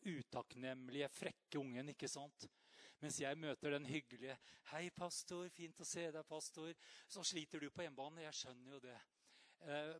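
A middle-aged male pastor preaching an animated sermon to parents, shouting out acted outbursts and then dropping to soft asides. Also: fairly high pitch, dry recording.

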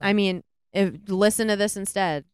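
A woman co-hosting a podcast, retelling a film's plot in a rambling, animated way with lots of "like"s. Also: mid-range voice, normal speed, smooth, dry recording, clean studio sound. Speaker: podcast co-host. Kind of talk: casual movie review chat.

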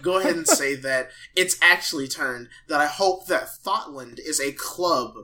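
A man's voice: a little high, normal speed, pushed and bright. A man co-hosting a casual comedy podcast, riffing on jokes and laughing often. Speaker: podcast co-host.

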